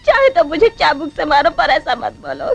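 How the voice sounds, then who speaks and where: A woman's voice: sits high, big pitch swings, moderate pace, creaky, faint music behind, full character voice. An actress playing a devoted young woman who pleads tearfully and defiantly in film dialogue. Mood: tearful pleading.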